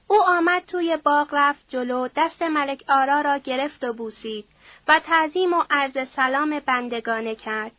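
A woman reading a novel aloud as an audiobook narrator, in a steady, measured way. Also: sits high, no echo, dull audio.

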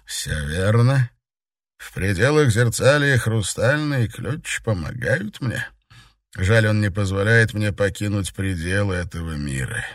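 A stern, secretive emperor and father from an audiobook, as a man reads him. He speaks in a measured, commanding, low voice. The sound is dry and close. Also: expressive, no echo.

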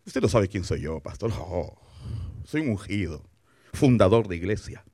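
A man acting out a smug, self-important man who boasts of his credentials, in a low, haughty tone. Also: big pitch swings, a little fast, dry recording, lightly acted. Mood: boastful.

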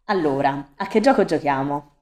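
A woman's voice: deep voice, lively intonation, moderate pace, a little mellow. A woman reading a sinister, sugary mother. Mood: coaxing. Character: sweet-voiced, sinister mother figure. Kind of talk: audiobook reading.

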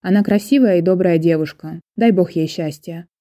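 A woman's voice: on the low side, normal speed, warm tone, no room sound, studio quality, close to an everyday voice. A woman reading the part of an earnest, eager-to-help woman jury member in an audiobook, in a protesting, sincere manner. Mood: gentle.

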